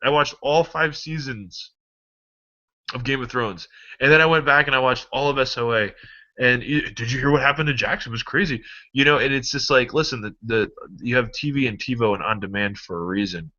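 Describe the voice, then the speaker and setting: A man giving a casual motivational pep talk, rambling and animated, swearing freely. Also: medium pitch, brisk. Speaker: motivational vlogger. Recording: dull lo-fi recording.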